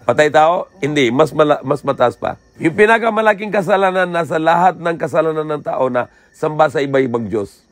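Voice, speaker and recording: A man's voice: a little high, expressive, brisk, dry recording. A man giving a religious lecture in simple, broken phrasing, asking rhetorical questions and checking in with "di ba?". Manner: rhetorical questions answered himself.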